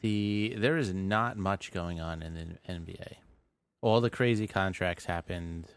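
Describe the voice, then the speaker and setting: A man's voice: low voice, measured pace, clean tone, dry recording. A man co-hosting a podcast, chatting casually about basketball and playing the dry straight man. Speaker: podcast co-host. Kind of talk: casual sports chat.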